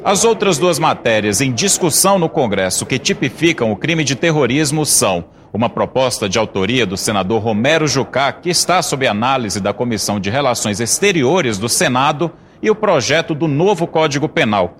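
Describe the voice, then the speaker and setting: A man's voice: medium pitch, normal speed, slight background noise. Brazilian man reporting the news. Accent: Brazilian Portuguese. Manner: steady, formal.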